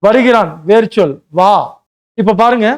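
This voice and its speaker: A man's voice: sits high, moderate pace, a little mellow, smooth. A male teacher giving a Tamil grammar lesson for an exam, explaining step by step, mixing in English words and often checking in with "right?". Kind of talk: classroom lecture.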